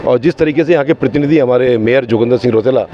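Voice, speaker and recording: A man with a medium-pitched voice gives a scathing, accusatory political statement. He speaks outdoors over clear crowd noise, in dull sound. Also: fast talker. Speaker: local protester. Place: outdoors at a protest.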